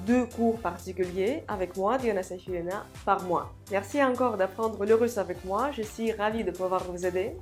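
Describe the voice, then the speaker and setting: A woman teaching a language lesson online, explaining grammar step by step and repeating example sentences slowly and deliberately. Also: mid-range voice, darkish tone, soft background music.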